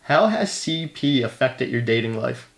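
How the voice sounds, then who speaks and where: A man asks short, plain interview questions from off camera. His voice sits at an everyday middle pitch. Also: very animated, a little slow, vocal fry.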